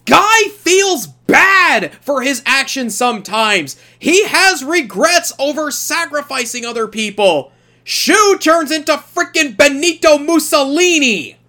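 Here the anime review podcast host has a very high, sharp voice and an expressive delivery at a slow pace. He's an emphatic storyteller with strong opinions who drops into mock quotes while recounting events on his casual show.

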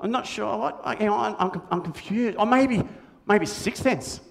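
With a high-pitched, creaky voice at normal speed, a man performs Big Red in a church puppet show. This children's puppet has an Australian accent, loves toys, and is cheeky and confused. He's bouncy, silly, easily bewildered, and sings.

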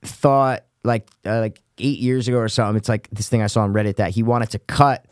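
A man's voice: lowish voice, brisk, no room sound, clean studio sound. A man in his thirties, a podcast co-host, telling stories in casual chat with a lot of swearing. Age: 30s. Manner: profane, animated storyteller.

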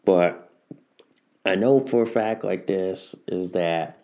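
A man's voice: low-pitched, slow pace, dark tone. A man in his forties hosting a casual solo podcast, rambling and repeating himself as he talks. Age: 40s. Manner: rambling and repetitive, often restarting phrases. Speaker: podcast host.

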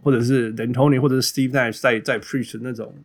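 Taiwanese-accented man, creaky voice, bilingual sports chat. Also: medium pitch, steady tone, a little fast. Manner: switches between Mandarin and English mid-sentence. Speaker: podcast host.

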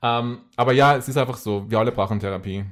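A man's voice: mid-range voice, fast talker, a bit bright. A man with an Austrian accent talking casually and personally as an interview guest, repeating phrases for emphasis.

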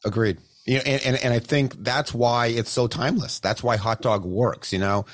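A man's voice: mid-range voice, steady tone, normal speed. A man hosting a podcast, asking questions in an enthusiastic, conversational way. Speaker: podcast host. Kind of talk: casual interview.

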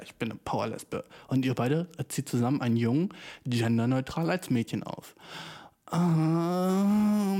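A man's voice: mid-range voice, dark tone. A young man hosting a podcast in a casual, rambling monologue, swearing often and dropping English slang into his speech. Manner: rambling, profane, slangy, mixes in English words. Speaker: podcast host.

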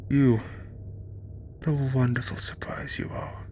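A man's voice: mid-range voice, little pitch movement, slow, a little mellow. A man, as game master, voicing a mysterious disembodied voice that sounds muffled, as if heard through a wall, in a whisper. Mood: eerie.

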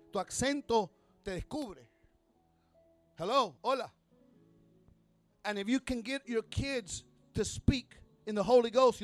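A man preaching a sermon line by line with interpretation, impassioned and building to shouts. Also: high voice.

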